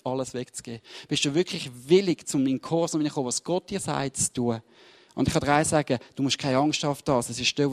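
A man preaching and teaching from the Bible, emphatic and repeating his key words while speaking straight to his listeners. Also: mid-range voice. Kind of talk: fervent sermon with Bible reading.

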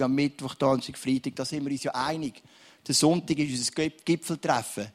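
A man preaching a sermon in a church service, reading scripture slowly and moving into prayer with a soft, earnest tone. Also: medium pitch. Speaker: pastor.

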